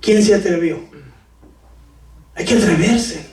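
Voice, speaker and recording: A man preaching a lively sermon to his congregation with jokes, sudden shouts and talk of brothers. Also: sits high, slow. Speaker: pastor. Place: church hall. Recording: echoey church hall from far off.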